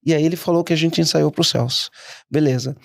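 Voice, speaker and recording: A middle-aged man, a guest entrepreneur telling stories in a casual interview, animated and quick to restart his sentences. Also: fairly high pitch, vocal fry, no echo, studio quality. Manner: animated, anecdotal, frequent restarts.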